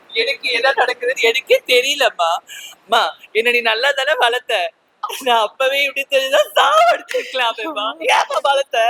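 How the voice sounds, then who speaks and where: A man's voice: very high voice, bright, forceful tone, heavily acted, poor audio. An actor playing a pleading young transgender woman. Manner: pleading, anguished, sometimes crying. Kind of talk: family drama acting.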